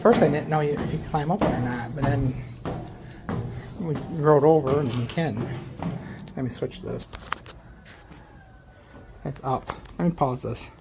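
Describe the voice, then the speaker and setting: Chatty man vlogging outdoors in loud wind. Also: medium pitch, measured pace, creaky, long pauses. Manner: chatty, rambling, easygoing. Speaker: vlogger narrating a bike tour. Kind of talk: casual on-the-go commentary. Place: outdoors on a windy riverside bike route.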